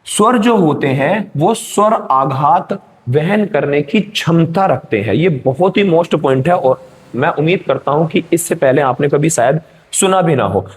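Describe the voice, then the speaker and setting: A man's voice: on the high side, expressive, moderate pace. A male teacher giving an exam-prep grammar lesson, explaining step by step and checking in with his students.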